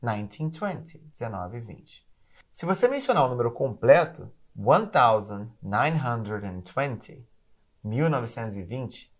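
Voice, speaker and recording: A man with a Brazilian accent teaching an online English lesson, carefully drilling each English word between explanations. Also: medium pitch.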